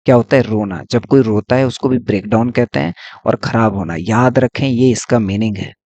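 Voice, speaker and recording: A man teaching English vocabulary in a casual lesson, explaining slowly and asking then answering his own questions. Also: medium pitch, a little mellow, no room sound, highs cut off.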